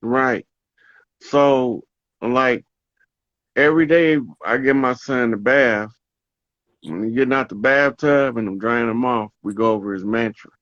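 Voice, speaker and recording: A man in casual conversation, relaxed and storytelling, who acts out the voices of the people he talks about. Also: medium pitch, a little slow, long pauses, dry recording, muffled recording.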